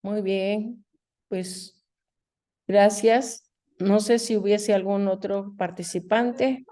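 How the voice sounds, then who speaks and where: Polite woman moderator with a mellow voice. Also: mid-range voice, steady tone, slow pace. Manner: polite, brief requests. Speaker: forum moderator. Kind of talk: moderating an online session. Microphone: video call.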